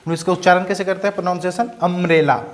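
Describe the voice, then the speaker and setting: Male teacher, slightly high voice, young adult, grammar lesson, slow spelled-out words, asks and answers his own questions. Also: steady tone, a little hiss or hum. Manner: repetitive, asks questions then answers them; spells and sounds out words slowly. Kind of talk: Hindi-medium English grammar lesson.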